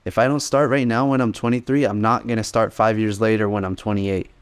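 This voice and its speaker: A man's voice: on the low side, fairly even intonation, brisk, clean tone. A man in his late twenties telling his story in a laid-back, rambling way as a podcast co-host. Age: 20s. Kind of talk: casual podcast chat.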